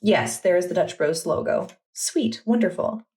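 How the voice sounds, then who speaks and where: A young adult woman vlogger chatting in a relaxed, enthusiastic way as she walks through her journal. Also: on the low side, moderate pace, gravelly. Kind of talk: casual vlog narration.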